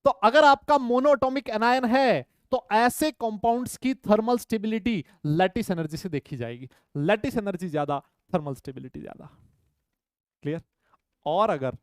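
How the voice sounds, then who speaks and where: A man's voice: high voice, clean tone, no echo, studio quality. A man teaching a chemistry lecture, emphatic, repeating key points and checking in with his students. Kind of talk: online lecture.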